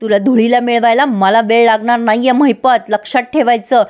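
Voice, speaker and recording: A woman's voice: on the high side, steady tone, normal speed, darkish tone, natural voice. A woman voicing a furious, blustering male gangster boss who scolds and taunts his partner. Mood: scolding.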